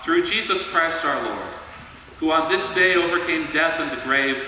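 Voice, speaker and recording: A man's voice: on the high side, sharp tone. Man intoning liturgy in cathedral echo. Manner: measured, solemn liturgical delivery. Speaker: pastor. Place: large church. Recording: echoey church hall from far off, faint hiss.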